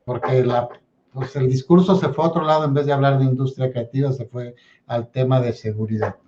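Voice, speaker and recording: A man's voice: mid-range voice, steady tone, a little fast, warm tone, slight background noise. Man telling stories, lo-fi sound. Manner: storytelling, tags lines with "¿no?". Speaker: guest. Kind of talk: casual interview talk.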